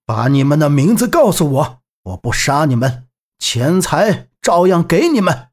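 A man voicing a bearded older male court official in an audiobook, measured and earnest. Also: on the high side, big pitch swings.

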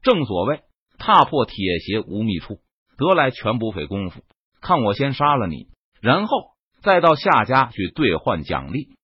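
A man playing an arrogant, powerful warrior leader who talks gruffly and scornfully, on a muffled lo-fi recording. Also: mid-range voice, big pitch swings, normal speed, dry recording.

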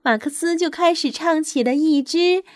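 A woman telling a bedtime story to children in a gentle, soothing, motherly way. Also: high-pitched, normal speed, dry recording.

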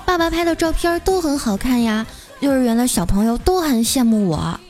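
A woman's voice: sits high, animated, fairly quick, a little mellow, faint music behind, voice pushed up. A woman voicing a six-year-old girl who is sweet, cheeky and a bit scheming, with a pleading childish manner. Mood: earnest.

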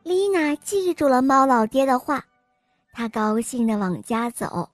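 A woman host reading a fairy tale for children in a gentle, clear, unhurried way. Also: high-pitched, lively intonation, no room sound, soft background music. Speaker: storyteller host.

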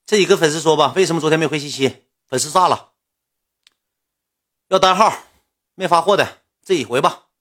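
A man plays a young female assistant, pitched high in a put-on falsetto. She snaps and sulks, then turns sugary like a saleswoman, her voice a bit husky and her words tumbling out fast. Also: a bit bright. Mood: sulky, scolding. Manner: mocking falsetto, singsong sweet sales talk.

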